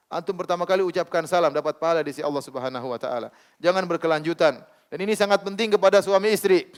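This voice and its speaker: A man preaching a religious lecture in a casual, animated way, slipping into slangy asides and chuckles. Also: a little high, smooth. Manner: conversational, animated, uses street slang and laughter.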